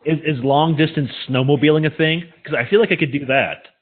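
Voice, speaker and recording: A man's voice: fairly high pitch, brisk. A man from the United States co-hosting a casual podcast chat, joking bluntly and swearing casually. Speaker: podcast co-host. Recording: tinny phone-like sound.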